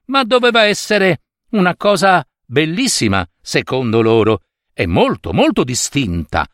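A man reading a fairy tale aloud in an expressive, playful way. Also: on the high side, a little slow, no room sound, clean studio sound. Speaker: storyteller.

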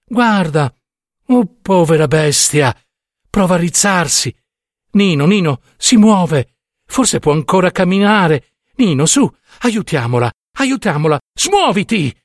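An impulsive young wife, put on by a man reading a story, cries out in pity and horror. Her voice sits high and strained, pleading and shrill. The reading is close and dry. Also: big pitch swings, takes it slowly, no echo, exaggerated voice. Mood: urgent.

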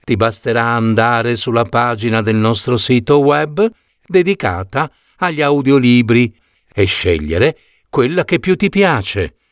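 A man narrating a story for an audiobook in an expressive, dramatic reading style. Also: mid-range voice, unhurried, no room sound, studio quality.

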